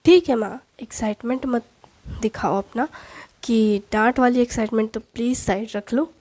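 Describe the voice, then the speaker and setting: Whiny newly married young man, pleading, complaining, highish voice, voiced by a woman narrator. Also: normal speed, warm tone, close to an everyday voice.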